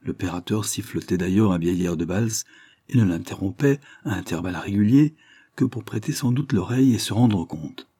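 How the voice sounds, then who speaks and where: A man narrating an audiobook in a measured, literary reading style. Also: on the low side, dark tone, breathy edge, no room sound, clean studio sound. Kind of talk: scripted narration.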